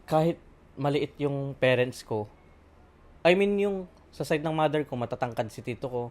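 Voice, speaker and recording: A man from the Philippines talks in a relaxed, chatty way on a podcast. He tells long stories and pads them with fillers as he thinks aloud. His voice sits in an ordinary middle pitch. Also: moderate pace. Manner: chatty, storytelling, many fillers. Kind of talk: casual chat.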